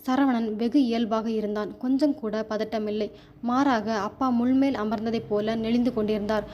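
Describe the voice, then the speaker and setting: A woman's voice: a little high, steady tone, normal speed, highs cut off, slight background noise. Woman narrating a family drama story.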